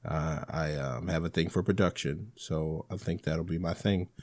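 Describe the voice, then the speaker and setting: A man's voice: extremely low pitch, normal speed, a little mellow, no room sound. A man cohosting a podcast in casual chat, swearing often with exasperated asides. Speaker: podcast co-host.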